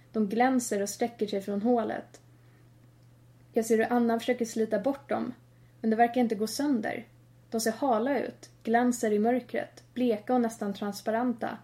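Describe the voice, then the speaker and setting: A woman narrates a first-person horror tale in a mellow, dark-toned voice. Her delivery stays fairly flat in pitch, tense and hushed when the story goes quiet.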